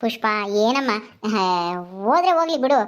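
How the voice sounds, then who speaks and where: A woman voicing a calm older mother-in-law who soothes and gently scolds in a family drama skit. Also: sits high, fairly quick, slight background noise. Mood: soothing.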